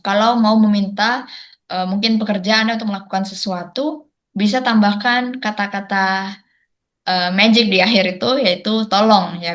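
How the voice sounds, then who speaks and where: A woman interpreting in a webinar, careful and pausing often with hesitation sounds, on a video call. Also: mid-range voice, dull audio.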